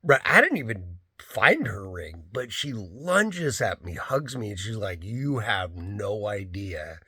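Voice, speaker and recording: Man rambling thru a story, slow and kinda husky, dry close sound. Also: medium pitch, wildly swooping pitch, sharp tone, no echo. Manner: rambling, fills with "like" and "you know". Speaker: rideshare driver. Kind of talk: casual storytelling vlog.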